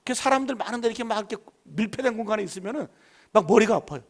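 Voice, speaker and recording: A man's voice: high-pitched, expressive, very fast. A middle-aged man preaching a Friday night sermon as pastor, talking in a casual, colloquial way and often putting questions to the congregation. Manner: preachy call-and-response, asking the congregation questions; colloquial storytelling about his daughters. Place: church sanctuary.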